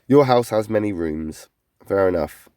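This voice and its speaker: A man's voice: low voice, animated, measured pace, mellow, smooth, dry recording. A man reacting to videos in casual commentary, blunt and skeptical. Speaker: micronation reviewer.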